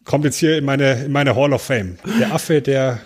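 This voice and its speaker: A man co-hosting a casual film podcast, explaining things in a joking, measured way. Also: medium pitch, husky. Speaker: podcast co-host.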